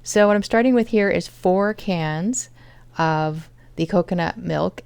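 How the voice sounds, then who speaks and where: A woman with a low, slightly gravelly voice chats through her home cooking project step by step. Her tone is smooth and resonant, recorded dry with no room sound. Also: measured pace, a little mellow, no echo. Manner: chatty, explains each step. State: chronic fatigue. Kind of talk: casual cooking vlog narration.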